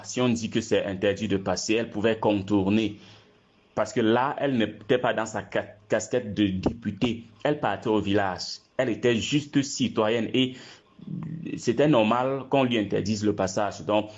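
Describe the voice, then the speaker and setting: A man with a Cameroonian accent giving an informal eyewitness account, repeating himself for emphasis as he goes. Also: on the low side. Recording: muffled lo-fi recording.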